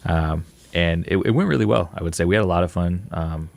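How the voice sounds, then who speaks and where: Young guy filmmaker, deep gravelly voice, talks fast and rambly with lots of ums. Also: no echo. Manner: relaxed, rambling, fast talker with fillers. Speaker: filmmaker guest. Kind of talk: casual interview answers.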